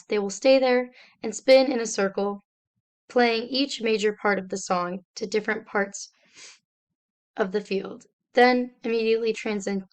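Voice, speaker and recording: A young woman, a student, reading a slide presentation aloud in a steady, step-by-step explanatory way. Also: mid-range voice, clear, resonant tone.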